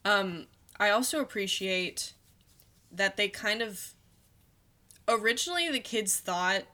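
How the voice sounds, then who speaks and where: A woman's voice: mid-range voice, lively intonation, slow, pushed and bright. A woman co-hosting a casual podcast, rambling and hesitant, with many "like"s. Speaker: podcast co-host. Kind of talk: casual chat about a TV show.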